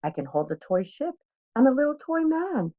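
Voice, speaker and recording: A woman's voice: high voice, very animated, normal speed, mellow, highs cut off, voice pushed up. A woman voicing a boastful, playful male trickster cat in a hat from a children's storybook, with a showy, coaxing, emphatic way of talking. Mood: boastful, excited. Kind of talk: children's storybook read-aloud.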